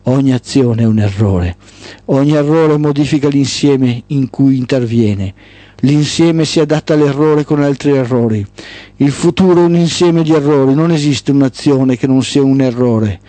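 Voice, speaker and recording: Ancient night spirit lady, a guy doing her, solemn and slow, dark mellow voice, dry sound. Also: mid-range voice, no room sound, natural voice. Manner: slow, solemn whispering pronouncements.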